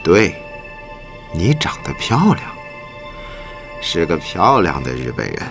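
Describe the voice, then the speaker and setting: A man's voice: deep voice, huge pitch swings, slow, gravelly, pitched below the performer's own voice, exaggerated voice. A man voicing a sneering, greedy kidnapper who mocks his captive with jeering laughs, over background music. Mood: mocking.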